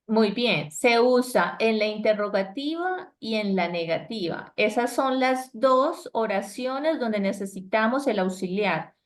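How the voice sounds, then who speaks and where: A woman's voice: fairly high pitch, animated, measured pace, hardly any pauses. A woman, teaching an English class over a video call, explaining grammar patiently and often checking in with her students.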